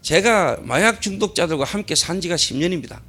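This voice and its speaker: A man's voice: sits high, animated, a little fast, fairly bright tone. A middle-aged male pastor preaching a sermon at a church service. He keeps posing rhetorical questions, answers them himself, and repeats key phrases for emphasis.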